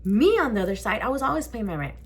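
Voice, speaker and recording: Lively high-voiced woman telling a story. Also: quick pace, husky. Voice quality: animated, swearing, acts out voices in her story. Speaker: storytime vlogger. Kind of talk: casual storytelling.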